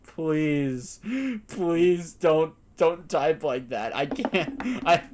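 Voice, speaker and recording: A woman's voice: low voice, very slow, background noise. A woman streaming a game, chatting casually and playfully with her viewers. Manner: chatty, playful, addressing chat. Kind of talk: casual chat while gaming. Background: game music.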